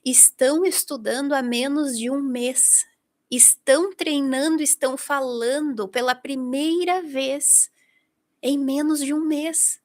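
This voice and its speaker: A middle-aged woman from Brazil teaching an online English masterclass, talking straight to her listeners and acting out what her students say. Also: high-pitched. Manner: lively, talks directly to the listener, acts out students' quotes.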